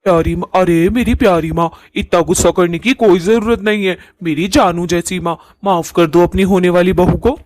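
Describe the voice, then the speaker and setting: A man's voice: high voice, moderate pace, few pauses, darkish tone, no room sound, close to an everyday voice. A man voicing a lovesick young ghost groom in a cartoon, coaxing and sweet-talking. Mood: pleading.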